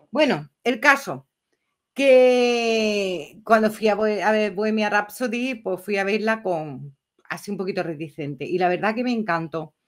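A woman, chatting casually and rambling through a livestream as host. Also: fairly high pitch. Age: 50s.

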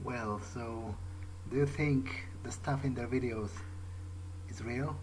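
This low-quality recording, with slight background noise and prominent game music, captures a man roleplaying as he plays a video game. Speaking slowly in a mid-range voice, he muses aloud with hesitation, staying in character.

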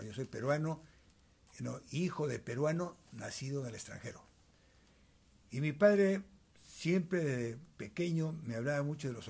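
A man's voice: mid-range voice, gravelly, a little mellow, husky. An older man, recalling old times as an interview guest in a small cluttered room, speaking into a handheld mic. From Peru. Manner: measured, storytelling, tags remarks with asides. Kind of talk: reminiscing interview. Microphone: handheld wired mic held by interviewer.

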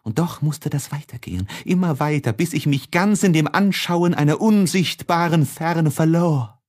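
A man with a slightly high voice narrates an audiobook of a classic literary letter, delivering it in a deliberate, expressive and dramatic way.

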